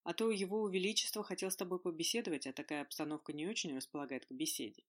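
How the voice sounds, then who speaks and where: A man's voice: a little high, steady tone, quick pace, fairly bright tone. Reader voicing a grumpy man, sarcastic, grumbling, blunt, audiobook figure. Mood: gentle. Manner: grumbling, mocking.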